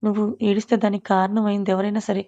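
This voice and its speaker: A woman's voice: medium pitch, flat delivery, fast talker, mellow, highs cut off, close to an everyday voice. Woman reading as a stern protective husband. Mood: scolding. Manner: scolding.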